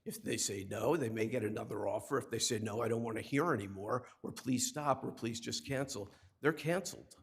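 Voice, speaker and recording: Quoting case law and frequently repeating words, an appellate lawyer argues emphatically before judges from a courtroom podium mic. His medium-pitched, slightly rough voice moves fairly quickly with hardly any pauses.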